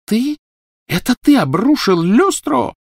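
A male narrator voicing a cruel, gloating female dark witch in an audiobook. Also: very animated, normal speed, no echo, clean studio sound, natural voice. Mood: shrieking. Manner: sneering, shrill and spiteful.

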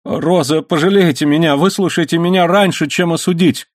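A man's voice: fast, no room sound, studio quality, natural voice. A man reading an audiobook, voicing a guilty young nobleman who pleads frantically. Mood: desperate pleading. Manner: frantic, high-strung pleading.

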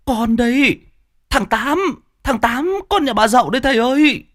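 A man's voice: very high voice, moderate pace, fairly bright tone, no room sound, studio quality, pitched above the performer's own voice. A man voicing a panicked young village man, the eldest son, pleading frantically and tearfully in a storybook tale. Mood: frantic.

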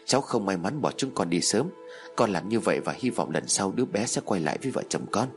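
A man voicing a gentle young husband who speaks softly and consolingly to his wife. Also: fairly low pitch, very animated, fast talker, faint music behind. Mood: sad. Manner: soft, consoling.

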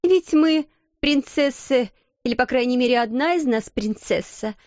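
A woman's voice: sits high, normal speed, darkish tone, no room sound, muffled recording, pitched above the performer's own voice, close to an everyday voice. A woman voicing a spiteful older schoolgirl who mocks and sneers. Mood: mocking. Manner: sneering, mocking.

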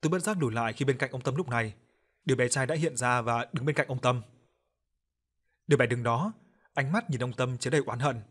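A man reading a horror story in a steady, measured storytelling manner. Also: medium pitch. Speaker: audiobook narrator. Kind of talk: scripted story narration.

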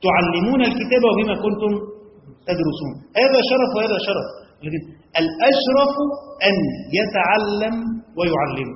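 A man with an Egyptian Arabic accent teaching a classroom lecture on Quran commentary, quizzing listeners with quick questions and reciting verses slowly. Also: high-pitched, expressive, a little hiss or hum. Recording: echoey hall, dull lo-fi sound.

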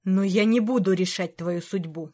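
A woman voicing a stern aging king who speaks slowly and gravely to a knight who disappointed him. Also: medium pitch, mellow, pitched below the performer's own voice, natural voice. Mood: grave reproach. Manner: slow, grave, measured.

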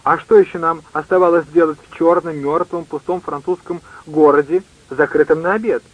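A man's voice: on the high side, steady tone, normal speed, phone-quality sound, natural voice. A man putting on a tipsy, mocking pal's voice. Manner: mocking, bossy. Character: tipsy, teasing grown man friend. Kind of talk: audiobook character reading.

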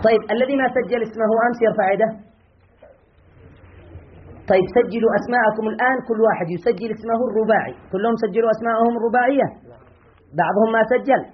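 High, fast-talking man quizzing a class. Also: dull audio, slight background noise. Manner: drills students with rapid quiz questions; scolds students bluntly. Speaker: teacher. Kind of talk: classroom lesson with a live class.

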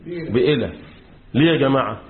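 This Egyptian-accented sheikh teaches a Quran commentary class in a mid-range, expressive voice at a fairly quick pace. He drills students with fill-in questions and repeats key words, all on a tinny, lo-fi recording that sounds like a phone.

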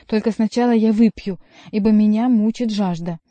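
A woman voicing a loud, blustering, drunken male monk who begs and bellows, reading a storybook aloud. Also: medium pitch, normal speed, no echo, highs cut off, lightly acted. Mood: bellowing. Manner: loud and pleading.

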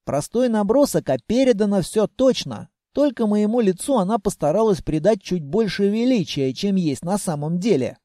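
A man reads a first-person fantasy audiobook with playful, animated delivery. His voice sits fairly high and swoops widely in pitch, yet the tone is mellow and dark. The recording is close and dry. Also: moderate pace, few pauses, dry recording. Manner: lively, playful storytelling. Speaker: audiobook narrator.

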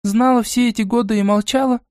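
A man voicing a haughty, spoiled young noble girl in an audiobook, with a shrill, scornful and demanding voice. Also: fairly even intonation, a little fast, darkish tone, no room sound, studio quality. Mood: pressing.

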